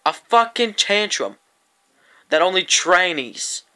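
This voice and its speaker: A man's voice: high-pitched, very animated, takes it slowly, pushed and bright, clear, resonant tone. A man telling a rambling, profane story-time tale to his vlog audience, often breaking into laughter. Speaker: vlogger.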